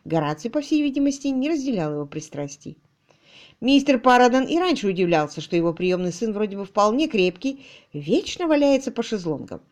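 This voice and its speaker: A woman narrating an audiobook with lively, expressive storytelling. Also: mid-range voice, a little fast.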